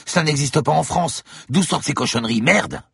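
Guy doing a frantic cop lady, way higher than his own voice, husky, loud bursts. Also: moderate pace, no room sound, clean studio sound, exaggerated voice. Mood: panicked. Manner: shrill, frantic outbursts. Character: panicked woman police officer.

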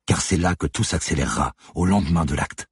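A man's voice: very deep voice, brisk, slightly rough, dry recording, clean studio sound, heavily acted. A man voicing a relentless woman police detective who lays out her accusations steadily and methodically in an audiobook. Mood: accusing, cold. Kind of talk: audiobook character voice.

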